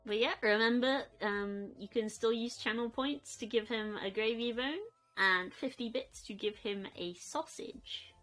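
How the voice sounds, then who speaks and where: A young woman chatting casually on a live stream from her bedroom, soft and rambling, cooing at her pets. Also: fairly high pitch, unhurried, soft background music.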